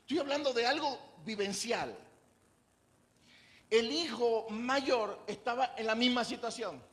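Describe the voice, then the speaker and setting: A man's voice: extremely high pitch, a little slow, a bit bright. A male pastor preaching a sermon in a church, talking conversationally and asking the congregation questions. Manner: preaches conversationally, asks the congregation questions, acts out quoted voices.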